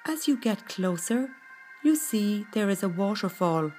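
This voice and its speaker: This guided meditation features a woman whose mid-pitched voice is soothing and gentle yet animated, moving at a very slow, measured pace. Her scripted narration has soft music playing faintly in the background.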